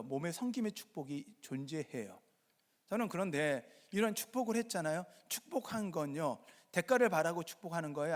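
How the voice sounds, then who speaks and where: A man with a somewhat high voice delivers a Sunday sermon as pastor. He keeps asking the congregation questions and answers them himself. His words carry a long reverb from the church sanctuary. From Jeolla, Korea.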